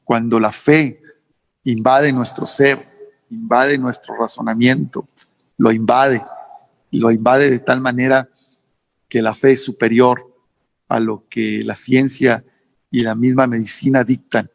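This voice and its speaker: A man with a northern Mexican accent, a pastor preaching a sermon, repeating phrases emphatically and rising in pitch on key words. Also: flat delivery, a little slow, vocal fry, pauses often, no echo. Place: church service streamed online.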